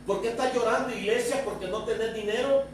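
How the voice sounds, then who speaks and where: A male pastor with a high-pitched voice delivers a sermon, pressing the congregation with question after question. He is recorded in a very echoey church, picked up from a distance with a faint hiss underneath. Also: brisk. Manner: preaching with repeated rhetorical questions.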